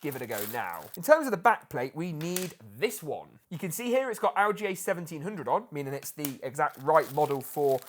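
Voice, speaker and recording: A woman's voice: low voice, very animated, brisk, hardly any pauses, slight background noise. A woman presenting a PC build guide in a chatty, self-deprecating way, thinking aloud as she works. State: slightly out of breath. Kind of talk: casual build guide narration.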